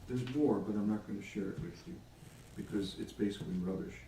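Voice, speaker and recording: A man with a low, mellow voice leads a prayer group, retelling scripture in a relaxed, chatty way with wry asides. He is recorded from a distance in an echoey room with a faint hiss underneath. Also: fairly quick. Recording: echoey room, far from mic.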